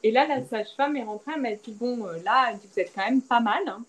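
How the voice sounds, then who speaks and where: A young woman, a podcast guest, candidly recounting a personal story and acting out the quoted dialogue with lively swings in her voice. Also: fast talker, poor audio. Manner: animated, acts out quoted dialogue with big pitch swings. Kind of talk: candid storytelling about childbirth.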